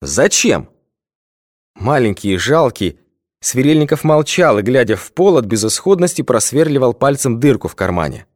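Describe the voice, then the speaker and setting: A man narrating an audiobook in a measured, literary reading. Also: mid-range voice, big pitch swings, a little mellow, dry recording, studio quality. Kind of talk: scripted narration.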